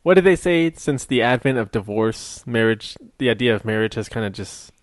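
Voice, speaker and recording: A man's voice: medium pitch, lively intonation, no room sound. Joking man, dry podcast mic. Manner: joking, rambling, quick to laugh. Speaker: podcast co-host. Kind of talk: casual chat.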